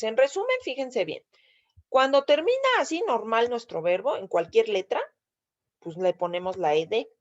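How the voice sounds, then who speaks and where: A woman's voice: medium pitch, darkish tone, highs cut off. A woman with a Mexican accent teaching a video lesson, patiently explaining step by step and often checking with her listeners. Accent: Mexican Spanish. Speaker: English teacher.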